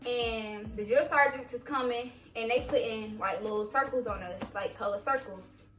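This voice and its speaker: A young woman vlogger telling a story in a casual, animated way, full of "like" fillers. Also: a little high, normal speed. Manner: animated, many "like" fillers, acts out quoted voices. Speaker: vlogger, army veteran recounting basic training. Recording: roomy, distant mic, faint music.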